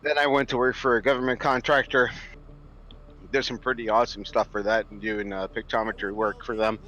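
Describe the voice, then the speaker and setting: A man's voice: mid-range voice, little pitch movement, brisk, sharp tone, muffled recording, a little hiss or hum. A man in his thirties ranting to his stream viewers in a preachy, profane and emphatic way. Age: 30s. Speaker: livestreamer. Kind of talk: impassioned rant to stream viewers.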